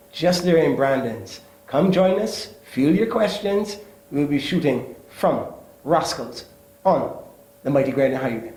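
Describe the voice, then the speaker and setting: A man's voice: mid-range voice, a little mellow. A man hosts a cricket talk show with a joking, conversational manner. His voice rings in a roomy studio, and he sounds at ease introducing segments. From Barbados. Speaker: show host.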